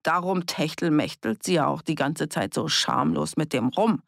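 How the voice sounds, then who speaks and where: A woman's voice: low voice, unhurried, gravelly, no room sound, clean studio sound, full character voice. A woman reading an audiobook, voicing a furious older farm woman who scolds and sneers. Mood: scornful.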